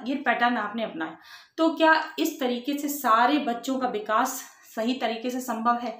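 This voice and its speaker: A woman teacher giving an exam-prep lecture, explaining in simple words, asking rhetorical questions and checking in with "ठीक है". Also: fairly high pitch. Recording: echoey room.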